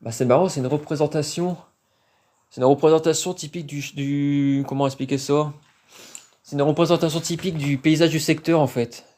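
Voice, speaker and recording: A man talks casually into a handheld phone as he explores outdoors. His voice is dark and mellow, and he thinks aloud with frequent hesitations. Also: fairly high pitch, fairly even intonation, a little fast. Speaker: urban explorer live-streaming. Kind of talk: live-stream exploration commentary. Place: outdoors at an abandoned industrial site.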